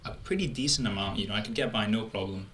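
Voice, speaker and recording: A man in his twenties from Greece, hosting a casual chat in a relaxed, friendly way. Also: lowish voice, fast, a little hiss or hum. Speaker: podcast host.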